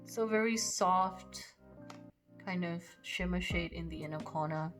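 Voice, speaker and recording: Casual woman vlogger, lowish voice. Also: a little slow, faint music behind. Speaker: makeup vlogger. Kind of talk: casual makeup tutorial chat, thinking aloud.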